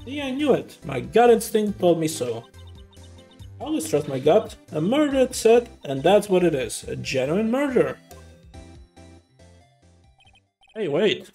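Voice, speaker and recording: A man voicing a loud, pushy female tabloid reporter with a put-on Southern accent and a brash, twangy delivery. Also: sits high, sing-song, normal speed, faint music behind, pitched above the performer's own voice. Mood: gleeful.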